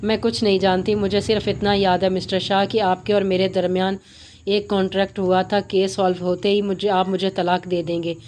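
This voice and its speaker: A woman reading the lines of a strong-willed young wife who speaks in a firm, serious way with a flat voice. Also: mid-range voice, a little fast, slight background noise, close to an everyday voice. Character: cool, headstrong young wife.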